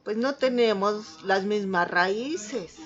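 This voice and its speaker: Slow, patient Mexican woman teacher. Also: mid-range voice, muffled recording, soft background music. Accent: Mexican Spanish. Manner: patient, checks understanding with frequent "¿sí?". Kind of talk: online class lecture.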